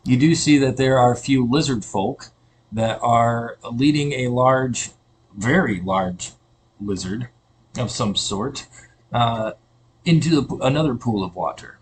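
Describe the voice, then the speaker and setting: A man's voice: mid-range voice, measured pace, a little hiss or hum. A man narrating an online tabletop game as dungeon master, describing scenes with fillers and self-corrections.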